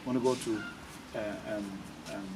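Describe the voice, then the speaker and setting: A man with a Ghanaian accent hosts an on-camera interview for an online talk show, pressing emphatic, repetitive questions. His voice is fairly low, steady and a little slow, and the background ambience is clearly noisy.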